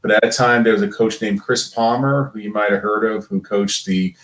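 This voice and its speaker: A man's voice: on the low side, fairly even intonation, a little fast, a bit bright. A man in his fifties with a Brooklyn accent, chatting casually in a rambling, familiar way as an interview guest. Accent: Brooklyn New York. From Brooklyn, New York. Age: 50s. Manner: rambling, familiar, joking asides. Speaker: interview guest, sports figure. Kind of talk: casual interview chat, reminiscing. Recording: roomy, echoing sound.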